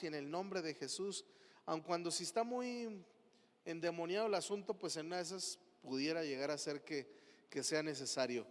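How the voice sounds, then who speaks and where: A man with a Mexican Spanish accent preaching a sermon as pastor, asking the congregation questions. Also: a little high. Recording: long hall reverb.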